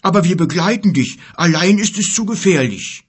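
A rude, grumbling bear with a husky voice, played by a male reader. It sounds raised and loud, with lively swings in pitch. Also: moderate pace, full character voice.

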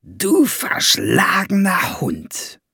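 A man's voice: fairly high pitch, wildly swooping pitch, takes it slowly, creaky, sharp tone, slightly rough, no room sound, clean studio sound, voice pushed up, heavily acted. Man doing a sneering, gloating dwarf. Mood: sly. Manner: sneering, mocking, greedy. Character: gloating scheming male dwarf. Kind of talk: audiobook character voice.

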